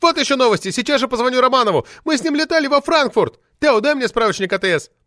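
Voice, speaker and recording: A shrill, indignant grand dame of letters, as a male audiobook narrator puts her on, her voice leaping very high and swinging wildly. She shrieks and rages, throwing her weight around. The voice is dry and close. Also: animated, fast, fairly bright tone, no room sound. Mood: shrill outrage. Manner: shrieking, indignant, name-dropping. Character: shrill pompous elderly woman poet, imperious and furious.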